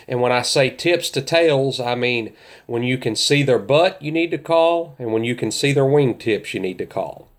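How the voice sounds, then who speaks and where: This experienced outdoorsman from central Kentucky, a duck hunter, walks through calling techniques in a casual, homespun, straightforward style. He speaks in a mid-range voice with lively intonation at a moderate pace.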